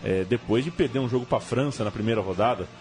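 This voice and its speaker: A man's voice: medium pitch, fast, a little mellow, faint music behind. A man with a Brazilian accent casually telling football stories as a show host. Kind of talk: casual football storytelling chat.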